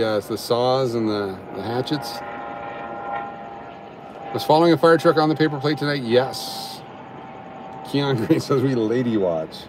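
Man, livestream host, casual running commentary, reads viewer comments, outdoors, phone mic, faint traffic noise. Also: medium pitch. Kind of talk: live street commentary. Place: outdoors on a downtown street.

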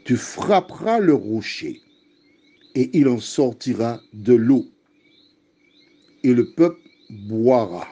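A man voicing a divine figure who gives calm, commanding instructions. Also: mid-range voice, takes it slowly, pauses often, husky, lo-fi sound, pitched below the performer's own voice.

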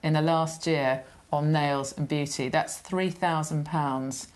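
A woman's voice: low voice, fairly even intonation, slow pace, a little mellow. A woman presenting a reality TV show, teasing and pointed as she confronts someone about money.

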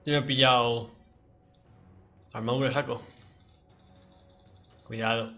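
A man giving live gameplay commentary, excitable and swearing a lot as he talks to his teammates. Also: mid-range voice, takes it slowly, lo-fi sound. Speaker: livestreaming gamer.

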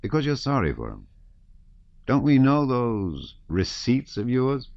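A man voicing a cold, ironic, daring army officer who talks briskly, in a dull lo-fi audiobook recording. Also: mid-range voice, wildly swooping pitch, a little mellow, no echo, voice pushed up.

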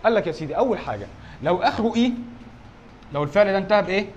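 An English teacher with an Egyptian Arabic accent runs an exam review lesson, asking questions and answering them himself while repeatedly checking with "alright?" that his students follow. His high-pitched voice is animated and rapid-fire, with the highs cut off and slight background noise.

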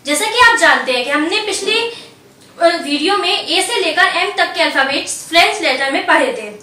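A woman with a very high, bright voice leads an animated language lesson step by step, slowly and patiently repeating each letter. She sits a little back from the mic, recorded from a distance in an echoey room with a slight hiss or hum.

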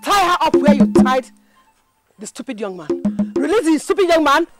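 A woman's voice: high-pitched, big pitch swings, normal speed, loud music behind the voice. A middle-aged woman with a Nigerian accent playing a vengeful, scornful king's wife, imperious and threatening, in a village epic film. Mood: furious commanding. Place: outdoors by thatched huts.

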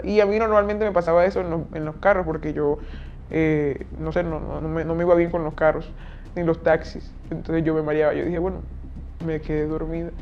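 A young woman gives a personal testimony in a quiet, halting way, often stopping to search for words. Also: lowish voice, a little hiss or hum. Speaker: interviewee giving testimony. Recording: dull lo-fi audio with faint music.

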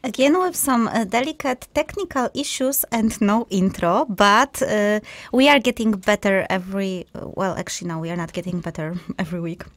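A woman's voice: medium pitch, expressive, moderate pace, hardly any pauses, dry recording. Chatty young woman co-hosting a radio show. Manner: chatty, teasing, hesitant with fillers. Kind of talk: casual live radio chat. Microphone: studio microphone.

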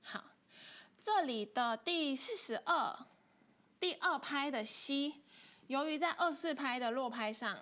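A woman's voice: high voice, lively intonation, slow pace, fairly bright tone. A woman teaching an online flute class, patiently explaining technique step by step. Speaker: music teacher. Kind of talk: online instrument lesson.

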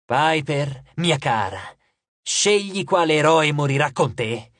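Man doing Gea, a low hissing earth goddess. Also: expressive, fairly bright tone, dry recording. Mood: mocking. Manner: slow and taunting. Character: sleepy, mocking earth goddess, ancient and menacing. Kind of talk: audiobook character voice.

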